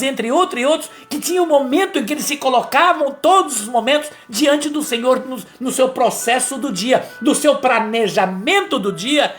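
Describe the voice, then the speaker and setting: A man's voice: extremely high pitch, fairly bright tone. Man preaching a conversational testimony. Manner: conversational, storytelling, frequent tag questions. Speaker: lay preacher giving testimony. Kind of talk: personal testimony on a live stream.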